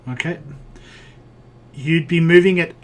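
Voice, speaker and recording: Slightly high-voiced male game master. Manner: halting, full of fillers while describing scenes. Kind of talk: narrating a tabletop game.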